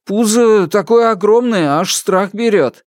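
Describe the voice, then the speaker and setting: A man's voice: high-pitched, unhurried, no echo, studio quality, voice pushed up. A man voicing a timid grown son who speaks hesitantly and mumbles.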